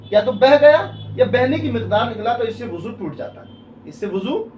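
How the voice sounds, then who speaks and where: A man's voice: extremely high pitch, darkish tone. A man, an Islamic scholar, explaining religious rules step by step in a question-and-answer talk, with worked examples and frequent checks that the listener follows. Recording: echoey room, mic far off, faint ambient noise.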